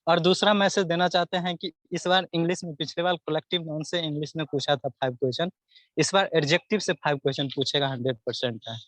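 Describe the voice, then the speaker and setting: A man's voice: on the high side, steady tone, quick pace, a bit bright, no echo. A young man, giving earnest advice as a student guest in an interview, often repeating himself as he lists topics. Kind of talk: casual interview answers.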